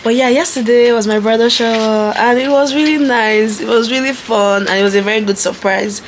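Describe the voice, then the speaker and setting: A woman's voice: fairly high pitch, fairly even intonation, fairly quick. Young woman, vlog host, casual and giggly to camera, bedroom, light room noise. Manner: chatty, giggly, talks to camera. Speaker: vlogger, bride-to-be. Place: bedroom, indoors.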